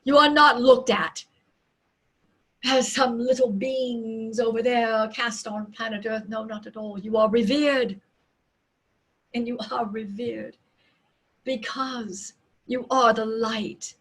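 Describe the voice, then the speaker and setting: A woman as a slow, high-voiced seance medium spirit. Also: fairly even intonation, a bit bright, exaggerated voice. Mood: loving, exalted. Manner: solemn, deliberate, drawn-out phrasing with dramatic pauses. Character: loving, serene non-physical collective spirit channeled through a woman. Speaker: trance channeler, seance medium. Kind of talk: trance channeling, seance medium address.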